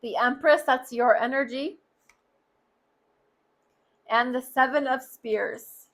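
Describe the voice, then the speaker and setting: Slow, high-voiced woman tarot reader. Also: a bit bright. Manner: earnest, speaks straight to the listener. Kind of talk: tarot card reading monologue.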